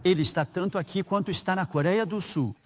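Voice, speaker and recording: A man's voice: high voice, brisk, a little hiss or hum. A man with a Brazilian Portuguese accent preaching a sermon as a pastor, telling stories and voicing prayers aloud with earnest fervor. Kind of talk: sermon with personal anecdotes.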